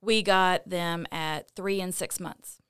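A woman with a smooth, slightly low voice speaks as a podcast guest. She tells personal stories casually, in a dry recording. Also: fairly even intonation, slow, a bit bright, dry recording.

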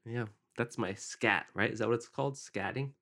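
A man's voice: medium pitch, moderate pace, pushed and bright. A man co-hosting a podcast with casual, offhand joking chat, recorded in an echoey, untreated room. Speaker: podcast co-host. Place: room at home without sound absorbers.

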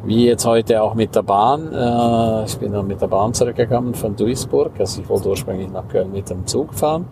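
A man's voice: lowish voice, normal speed, vocal fry, hardly any pauses, noisy background. A man hosting a casual podcast monologue, ranting indignantly and often ending with tag questions. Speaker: podcast host and coach.

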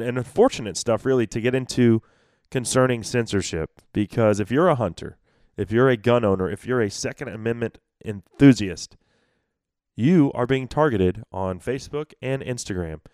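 A man's voice: mid-range voice, moderate pace, darkish tone, no echo, clean studio sound. A man hosting an outdoors talk radio show in a folksy, plain-spoken way.

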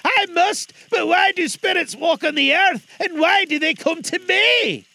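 Scrooge, a shrill, frightened old miser, voiced by a man. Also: animated, unhurried, creaky, no room sound, full character voice. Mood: terrified. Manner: high, agitated, loud.

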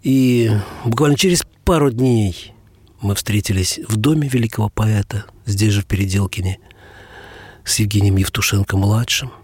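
Male host, solemn scripted voice-over, husky, dry. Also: on the low side, normal speed, a little mellow, no room sound. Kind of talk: scripted narration.

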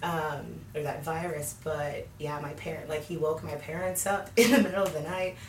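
A woman in her thirties, appearing as an interview guest, candidly shares her faith story, rambling with many fillers and laughing often. Her lowish voice keeps fairly even intonation at a moderate pace. She seems a bit far from the mic in an echoey room with faint ambient noise.

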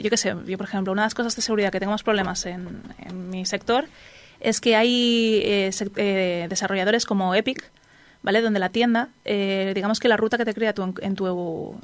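A woman's voice: mid-range voice, steady tone, normal speed. A woman co-hosting a casual podcast chat, explaining computer security with frequent restarts and fillers. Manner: explains technical security topics with many restarts. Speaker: podcast co-host.

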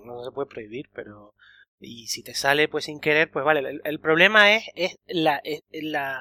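A man co-hosting a podcast, talking in an animated, opinionated way with frequent restarts. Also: on the high side, dry recording. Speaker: podcast co-host. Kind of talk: casual conversation.

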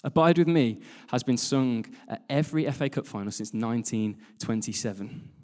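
The live church talk, recorded in a reverberant large hall, features a British worship leader preaching informally and humorously while quizzing his congregation. He speaks at a moderate pace in a medium-pitched, darkish voice.

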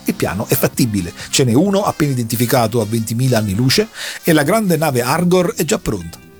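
A man's voice: mid-range voice, big pitch swings, a little fast, faint music behind. A man recounting a long story in a casual chat, telling it with dramatic flair. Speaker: podcast host recounting an anime plot.

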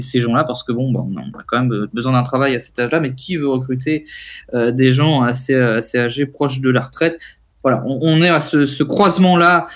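A man's voice: mid-range voice, fairly bright tone. A man co-hosting a casual chat, hesitant with many restarts and dry jokes. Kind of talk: casual chat among friends.

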